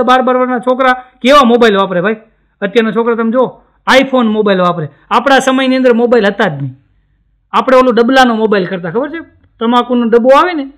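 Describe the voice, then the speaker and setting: A stand-up comedian from Gujarat, a man, telling jokes and acting out the people in them. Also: very high-pitched. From Gujarat, India. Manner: animated storytelling, acts out the people in his jokes.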